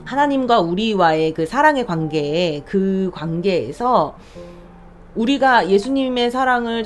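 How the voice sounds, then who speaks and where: A woman deaconess sharing a faith testimony on her podcast, earnest and speaking directly to listeners. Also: mid-range voice. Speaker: church deaconess, podcast host.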